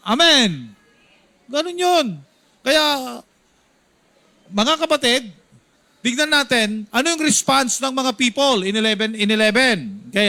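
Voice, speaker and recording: A male pastor with a Filipino accent and a very high voice teaches a Sunday school sermon. He's animated, acting out the crowd's shouts and slipping English lines into his talk.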